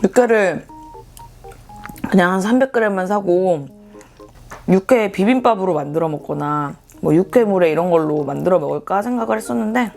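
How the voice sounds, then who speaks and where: A woman's voice: fairly low pitch, expressive, normal speed, gravelly, darkish tone. A woman chats casually to viewers as a mukbang vlogger, with playful, self-mocking asides. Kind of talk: casual chat to viewers while eating. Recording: background music under the voice. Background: music.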